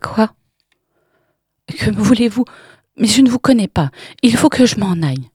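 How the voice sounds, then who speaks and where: A woman voicing a frightened, genteel married woman who pleads in a high, strained, stammering voice in an audiobook reading. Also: expressive, unhurried, a little mellow, slightly rough, no room sound, studio quality, full character voice. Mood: panicked.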